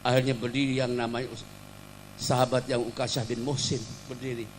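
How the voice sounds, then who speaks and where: A man's voice: medium pitch, little pitch movement, fairly quick, a little hiss or hum. A man with a Javanese accent preaching a sermon as a dramatic storyteller. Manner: dramatic storyteller, swelling to emotional peaks.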